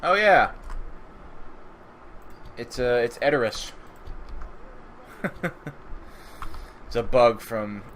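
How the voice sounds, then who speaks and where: A man casually commentating a strategy game at home, relaxed and rambling, thinking aloud, a bit sleepy. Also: mid-range voice, slow pace, long pauses, slight background noise. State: sleepy, just woke up. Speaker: gaming channel host. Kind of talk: casual let's-play commentary.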